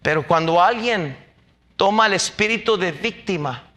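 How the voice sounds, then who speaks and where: A pastor delivers an emphatic sermon at a church service, pushing his points to impassioned peaks. His voice sits very high for a man, and it is bright and forceful. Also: lively intonation, moderate pace.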